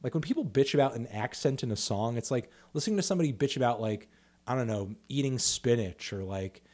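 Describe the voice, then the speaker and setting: A man's voice: medium pitch, lively intonation, brisk, a little mellow. A man in his thirties hosting a casual livestream Q&A about music, talking loosely with lots of fillers, restarts and swearing. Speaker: music critic host answering viewer questions.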